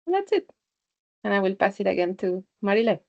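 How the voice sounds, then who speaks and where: A woman's voice: medium pitch, very animated, brisk, vocal fry, a little mellow, no room sound, muffled recording. A woman from Mexico City, a science outreach coordinator, giving a friendly short self-introduction. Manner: friendly, light laugh.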